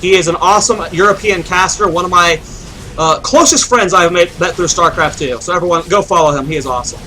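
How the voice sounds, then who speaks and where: A man's voice: high voice, a little fast, pushed and bright, a little hiss or hum, low-quality recording. A young man giving solo play-by-play commentary on a strategy game match, rambling and thinking aloud with restarts. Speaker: game caster.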